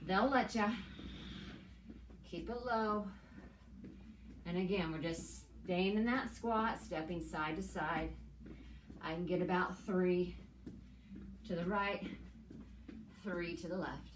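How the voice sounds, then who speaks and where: A middle-aged woman coaching an exercise class as an aerobics instructor, calling cues and counts with steady encouragement while she works out. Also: lowish voice, takes it slowly, pauses often. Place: indoors, plain room with hard walls. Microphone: camera several meters away. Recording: echoey room, distant mic, background noise.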